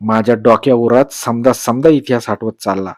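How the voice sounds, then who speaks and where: A man telling a story aloud, with measured, expressive narration in a rural dialect. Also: medium pitch, dry recording, clean studio sound.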